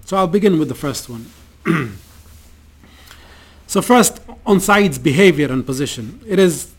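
A man giving an academic lecture and reading passages from a novel aloud, in a measured, deliberate way with occasional restarts. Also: fairly high pitch.

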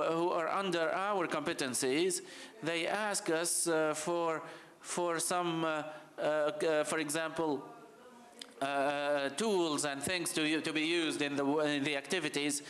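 A man from Libya gives a conference talk with slides, speaking passionately and urgently, halting often with fillers. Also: on the high side, fairly even intonation, fairly bright tone. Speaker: heritage official presenting.

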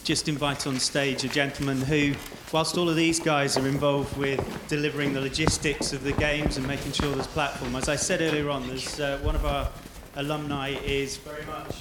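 A very polite, hesitant man giving formal remarks as the host of an event, speaking haltingly. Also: on the high side, little pitch movement. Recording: echoey room with background noise.

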